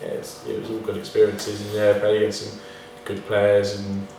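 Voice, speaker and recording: A man's voice: on the low side, monotone, moderate pace, darkish tone. A man who plays football, answering casually in a hesitant, understated, self-deprecating way. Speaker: football player. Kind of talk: casual interview chat. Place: reverberant indoor room. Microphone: distant from the speakers. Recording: very echoey room, distant mic, faint noise.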